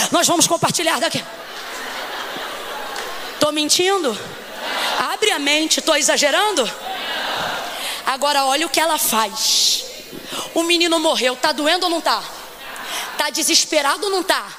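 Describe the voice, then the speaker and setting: A woman preacher from Rio de Janeiro, giving an emphatic sermon that keeps questioning the congregation and rises to shouts. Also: high-pitched, moderate pace, long pauses, background noise. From Rio de Janeiro, Brazil. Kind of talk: Pentecostal sermon.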